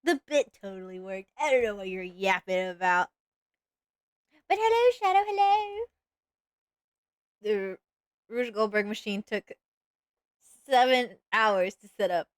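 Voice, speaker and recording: A woman's voice: mid-range voice, moderate pace, smooth, no room sound, clean studio sound. A woman streaming live as a VTuber, chatting casually and playfully while she animates, with sudden dramatic outbursts.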